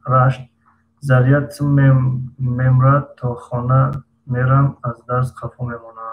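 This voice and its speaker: A man teaches an English lesson, patiently calling on students by name. His voice has a gravelly edge. It sounds like an echoey room with a faint hum behind him. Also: mid-range voice, lo-fi sound.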